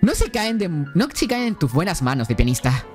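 A man's voice: on the high side, sing-song, normal speed, faint music behind. A young man voicing a blunt, teasing male character in a visual novel. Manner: dry, teasing.

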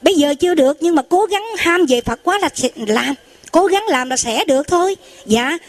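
Woman, lay preacher, folksy story sermon, higher voice, dry close sound. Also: lively intonation, normal speed, dry recording.

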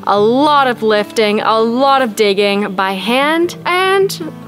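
A woman's voice: on the high side, expressive, slow pace, fairly bright tone. A woman in her thirties giving a casual, laughing walking tour of her forest cabin homestead, filmed on a handheld camera at arm's length outdoors. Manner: giggly, self-deprecating, laughs often. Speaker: vlogger.

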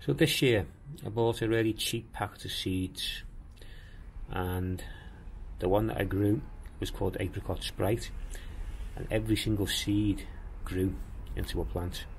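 Low-voiced man touring his garden. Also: a little hiss or hum. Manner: plain-spoken, unhurried, explains as he walks. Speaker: gardening vlogger. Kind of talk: casual garden tour. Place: outdoors in a walled garden.

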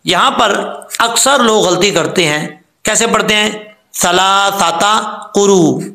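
A man explains recitation rules step by step, stopping to draw out example words slowly. His voice sits high and bright, with a gravelly edge. The room around him rings with echo. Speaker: Quran recitation teacher. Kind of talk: tajweed lesson.

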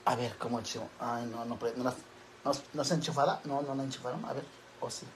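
A man's voice: mid-range voice, fairly even intonation, a little fast, a little hiss or hum. A man with a Mexican accent vlogging casually at home, campy and theatrical, cooing at his pets and swearing freely. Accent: Mexican Spanish. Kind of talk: casual home vlog chat. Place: home with pets and fish tanks.

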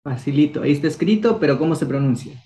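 Expressive and quick, this young adult man's voice is a little high with a dark tone. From Ecuador, he's quizzing students in an online language class, gently coaxing them with encouraging questions.

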